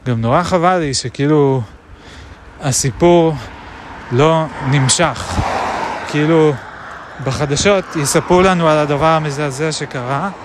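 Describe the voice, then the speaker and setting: A man recording a reflective spoken diary outdoors, musing aloud with many pauses and hesitations. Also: a little high. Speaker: video diarist. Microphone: action camera. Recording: traffic noise outdoors.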